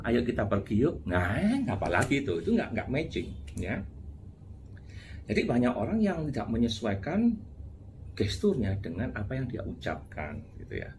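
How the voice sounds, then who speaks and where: A man's voice: lowish voice, darkish tone, slight background noise. A man giving a casual motivational talk, chatty and full of little tag words. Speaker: motivational speaker.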